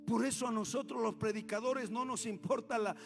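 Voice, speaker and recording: A man's voice: very high voice, fairly even intonation, a little fast, vocal fry, soft background music. A Honduran man preaching as a pastor in a church, with an impassioned, chanting, sing-song cadence. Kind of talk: revival sermon.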